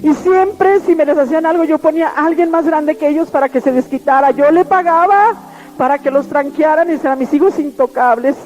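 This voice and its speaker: A woman shares her own religious testimony in an earnest, repetitive manner, her high voice moving slightly fast with a darkish tone. The audio is a lo-fi radio broadcast with faint music in the background.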